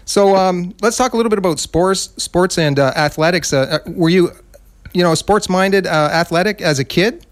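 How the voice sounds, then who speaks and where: A man's voice: sits high, moderate pace. A man hosting a live radio interview, friendly, with short encouraging interjections. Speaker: radio host.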